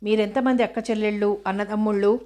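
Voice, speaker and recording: A woman's voice: mid-range voice, steady tone, fast talker, a little mellow, lightly acted. A woman voicing a sly old woman posing as a fortune-teller, asking coaxing, prying questions in a storybook reading.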